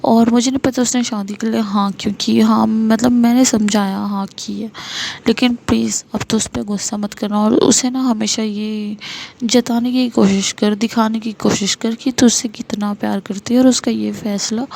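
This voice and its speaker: A woman voicing Tara, a young woman who is a stern but caring friend, in a flat storytelling delivery. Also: on the high side, moderate pace, creaky. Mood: soothing.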